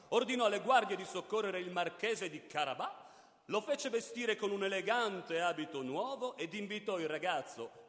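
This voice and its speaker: Brief: male storybook narrator, high and lively, expressive, long hall echo.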